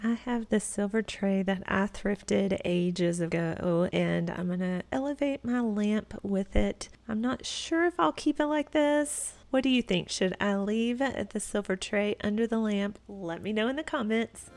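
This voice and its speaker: A woman's voice: mid-range voice, measured pace, few pauses, a little mellow. A middle-aged woman with a Texas accent, chatting directly to viewers in a voice-over about decorating her home. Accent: Texan.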